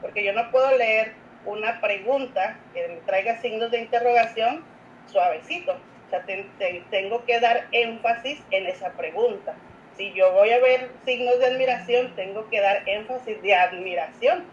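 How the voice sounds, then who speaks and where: A woman's voice: a little high, normal speed. A woman, a church lector, asking a long question in a class and rambling earnestly with fillers. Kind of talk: casual question in an online class. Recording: dull lo-fi call audio with faint noise.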